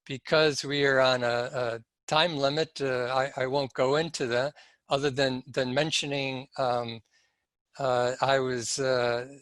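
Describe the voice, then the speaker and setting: A man speaking at a symposium, telling a personal story in a slow, reflective and halting way. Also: mid-range voice, fairly bright tone, no room sound.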